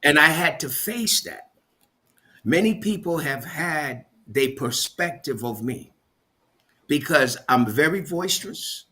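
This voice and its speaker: A man from Barbados speaks as a guest on a talk show, with a fairly high, bright and forceful voice. He talks in an emphatic, preacherly way, pressing each point and repeating words as he goes. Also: expressive, slow pace. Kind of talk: motivational interview talk.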